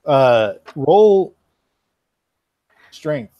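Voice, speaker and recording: A man narrating as game master of a tabletop game, measured and relaxed, with casual fillers. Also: a little high, no echo, muffled recording.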